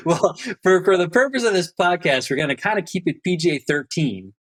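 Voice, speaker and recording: A man with a high, animated voice hosts an interview podcast at a normal speed. He opens with a scripted introduction of his guest, then moves into a conversational interview.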